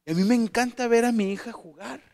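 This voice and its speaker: High-voiced man giving a lively talk. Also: fast talker, vocal fry. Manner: animated, asks the audience questions, jokes aside. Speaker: speaker addressing parents. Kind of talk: motivational talk to an audience.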